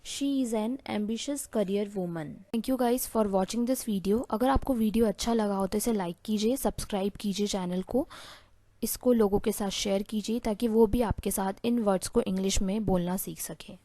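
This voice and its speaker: A woman teaching an English vocabulary lesson, reading example sentences slowly and carefully with pauses. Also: medium pitch, fairly even intonation, dark tone, dry recording.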